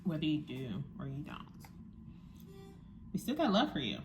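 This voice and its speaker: Low-voiced woman chatting while eating. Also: wildly swooping pitch, music in the background. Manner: frank, drawn-out musing. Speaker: vlogger. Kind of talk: casual chat to camera.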